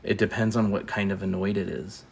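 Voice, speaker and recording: A man's voice: lowish voice, little pitch movement, a little fast, gravelly, slightly rough. A man co-hosting a livestream art lesson, casually explaining drawing techniques step by step. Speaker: co-host art teacher.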